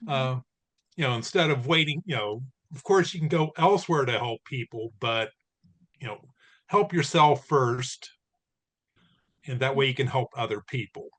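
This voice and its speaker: A man's voice: mid-range voice, moderate pace, long pauses, fairly bright tone. A man in the audience asking a question, rambling and thinking aloud with many fillers. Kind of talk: casual question on a call.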